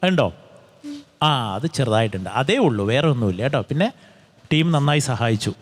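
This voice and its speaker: A man's voice: mid-range voice, expressive, moderate pace. A man judging a child singer on a TV talent show, jovial and brotherly, joking to cheer him up. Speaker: judge. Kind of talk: judge's critique on a TV talent show.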